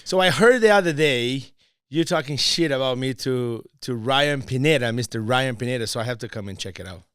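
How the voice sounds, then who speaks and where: A man's voice: medium pitch, lively intonation, a little fast, fairly bright tone, clear, resonant tone, no room sound, clean studio sound. A man from Brazil, a Portuguese speaker with a Brazilian accent, talking as a podcast guest in a playful, persuasive way. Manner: playful and teasing, then earnest and persuasive. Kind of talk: casual podcast interview.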